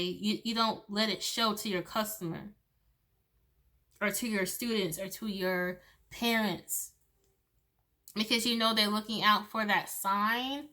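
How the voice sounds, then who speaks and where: A woman with a medium-pitched, sharp-toned voice delivers a loose, chatty tarot reading monologue. She swears freely and laughs between thoughts.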